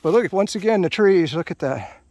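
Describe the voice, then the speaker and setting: Middle-aged man, rambling trail vlogger, slightly higher voice, walking outdoors with the camera. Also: expressive, a little fast, a little mellow, no echo. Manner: rambling, chatty, many fillers and restarts. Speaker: vlogger narrating a hike. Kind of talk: casual hiking commentary to camera. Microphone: handheld action camera, off-screen narrator.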